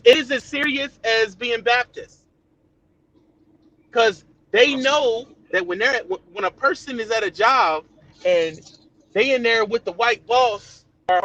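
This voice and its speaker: A man's voice: very high voice, fairly bright tone, highs cut off. A man hosting a podcast over a remote call, talking passionately and often repeating words as he starts a point. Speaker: podcast host. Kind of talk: casual podcast discussion.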